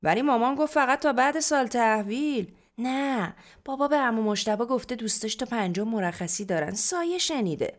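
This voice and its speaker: A woman's voice: on the high side, expressive, few pauses, voice pushed up, lightly acted. A woman voicing a smug, self-assured teenage sister in a storybook reading.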